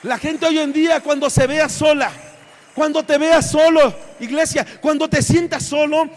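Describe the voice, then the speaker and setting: High-voiced Mexican pastor preaching loudly. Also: male voice, fairly even intonation, moderate pace, long reverb tail. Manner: impassioned preaching, swings from shouts to low asides. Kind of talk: sermon. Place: church sanctuary.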